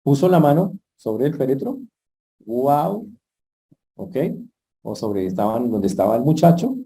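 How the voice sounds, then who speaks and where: Preacher guy telling a bible story, goes loud then soft, super dark warm voice. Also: medium pitch, unhurried. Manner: animated storytelling, sudden loud peaks and soft asides. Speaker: pastor. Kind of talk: sermon.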